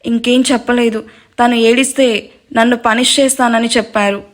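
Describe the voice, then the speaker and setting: Brief: woman voicing a terrified young wife in an audio story, crying, soft, begging, high voice. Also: steady tone, normal speed, close to an everyday voice. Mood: tearful. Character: frightened weeping young wife.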